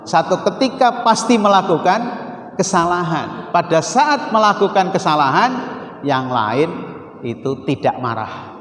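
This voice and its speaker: A man with a Javanese accent preaching a Sunday morning sermon in a mosque, teasing his listeners with questions and repeating key phrases slowly. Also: high voice, lively intonation, fairly bright tone. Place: mosque hall. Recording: roomy hall echo with faint noise. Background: congregation laughing from far off.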